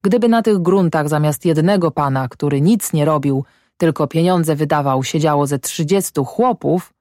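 A woman's voice: sits low, darkish tone, no room sound, clean studio sound, natural voice. Female reader doing a weary sick old man who talks in broken bursts. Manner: halting, broken speech.

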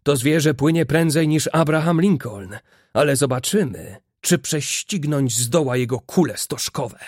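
A man's voice: fairly high pitch, a little slow, a little mellow, dry recording, studio quality. A man voicing an impatient, stubborn frigate captain who barks orders with feverish urgency. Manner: fevered, commanding.

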